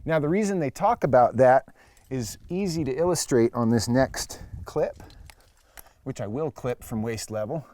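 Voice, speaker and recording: A climbing instructor speaks while climbing at a wall or crag, giving a hands-on demonstration. His mid-range voice is a touch mellow and moves at a normal speed as he explains things plainly.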